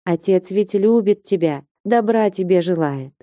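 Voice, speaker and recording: A woman reading the part of a gentle, middle-aged mother who soothes her crying daughter. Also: medium pitch, animated, measured pace, no echo, clean studio sound, natural voice. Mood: soothing.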